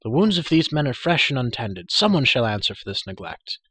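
A man reading a cruel, proud sorceress queen in an audiobook, silky and coaxing with a bright, forceful edge. Her voice sits a little higher than his low narration, in a dry, close recording. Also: fairly even intonation, moderate pace, no room sound. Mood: indignant. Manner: silky, then shrill and raging.

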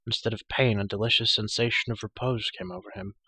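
Low-voiced guy narrating an audiobook, bright forceful tone, steady and dramatic, dry close mic. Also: quick pace, breathy edge, no echo. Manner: steady dramatic storytelling, occasional slips. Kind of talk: audiobook reading.

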